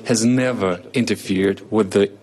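A man's fairly low voice heard as a live interpreter, translating a press conference as it happens. He speaks in measured, steady short phrases. The clip is played from the event into a news program. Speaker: simultaneous interpreter.

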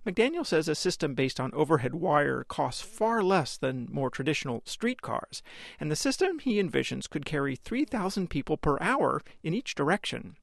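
A man's voice: on the high side, sing-song, moderate pace, vocal fry, no echo, studio quality. An American man reporting for radio news, narrating a scripted feature.

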